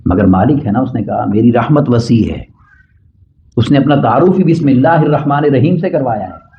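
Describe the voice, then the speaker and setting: A middle-aged man delivering a Friday sermon as a preacher, chanting Arabic quotations slowly and then explaining them with rising emphasis on key points. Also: mid-range voice. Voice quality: recites Arabic hadith in slow measured chant, then explains in Urdu. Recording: dull lo-fi sermon recording.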